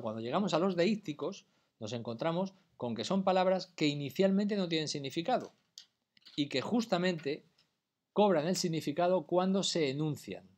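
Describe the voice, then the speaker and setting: A man teaching a class, explaining patiently and often checking whether students follow. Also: a little high. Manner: patient, keeps checking understanding with questions. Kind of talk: classroom lecture.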